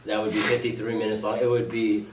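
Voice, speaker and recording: A man hosts a casual podcast with teasing, incredulous reactions. His voice sounds far from the mic in a roomy room. Clear crowd chatter runs behind him. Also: lowish voice, little pitch movement, quick pace. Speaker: podcast host. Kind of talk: casual chat.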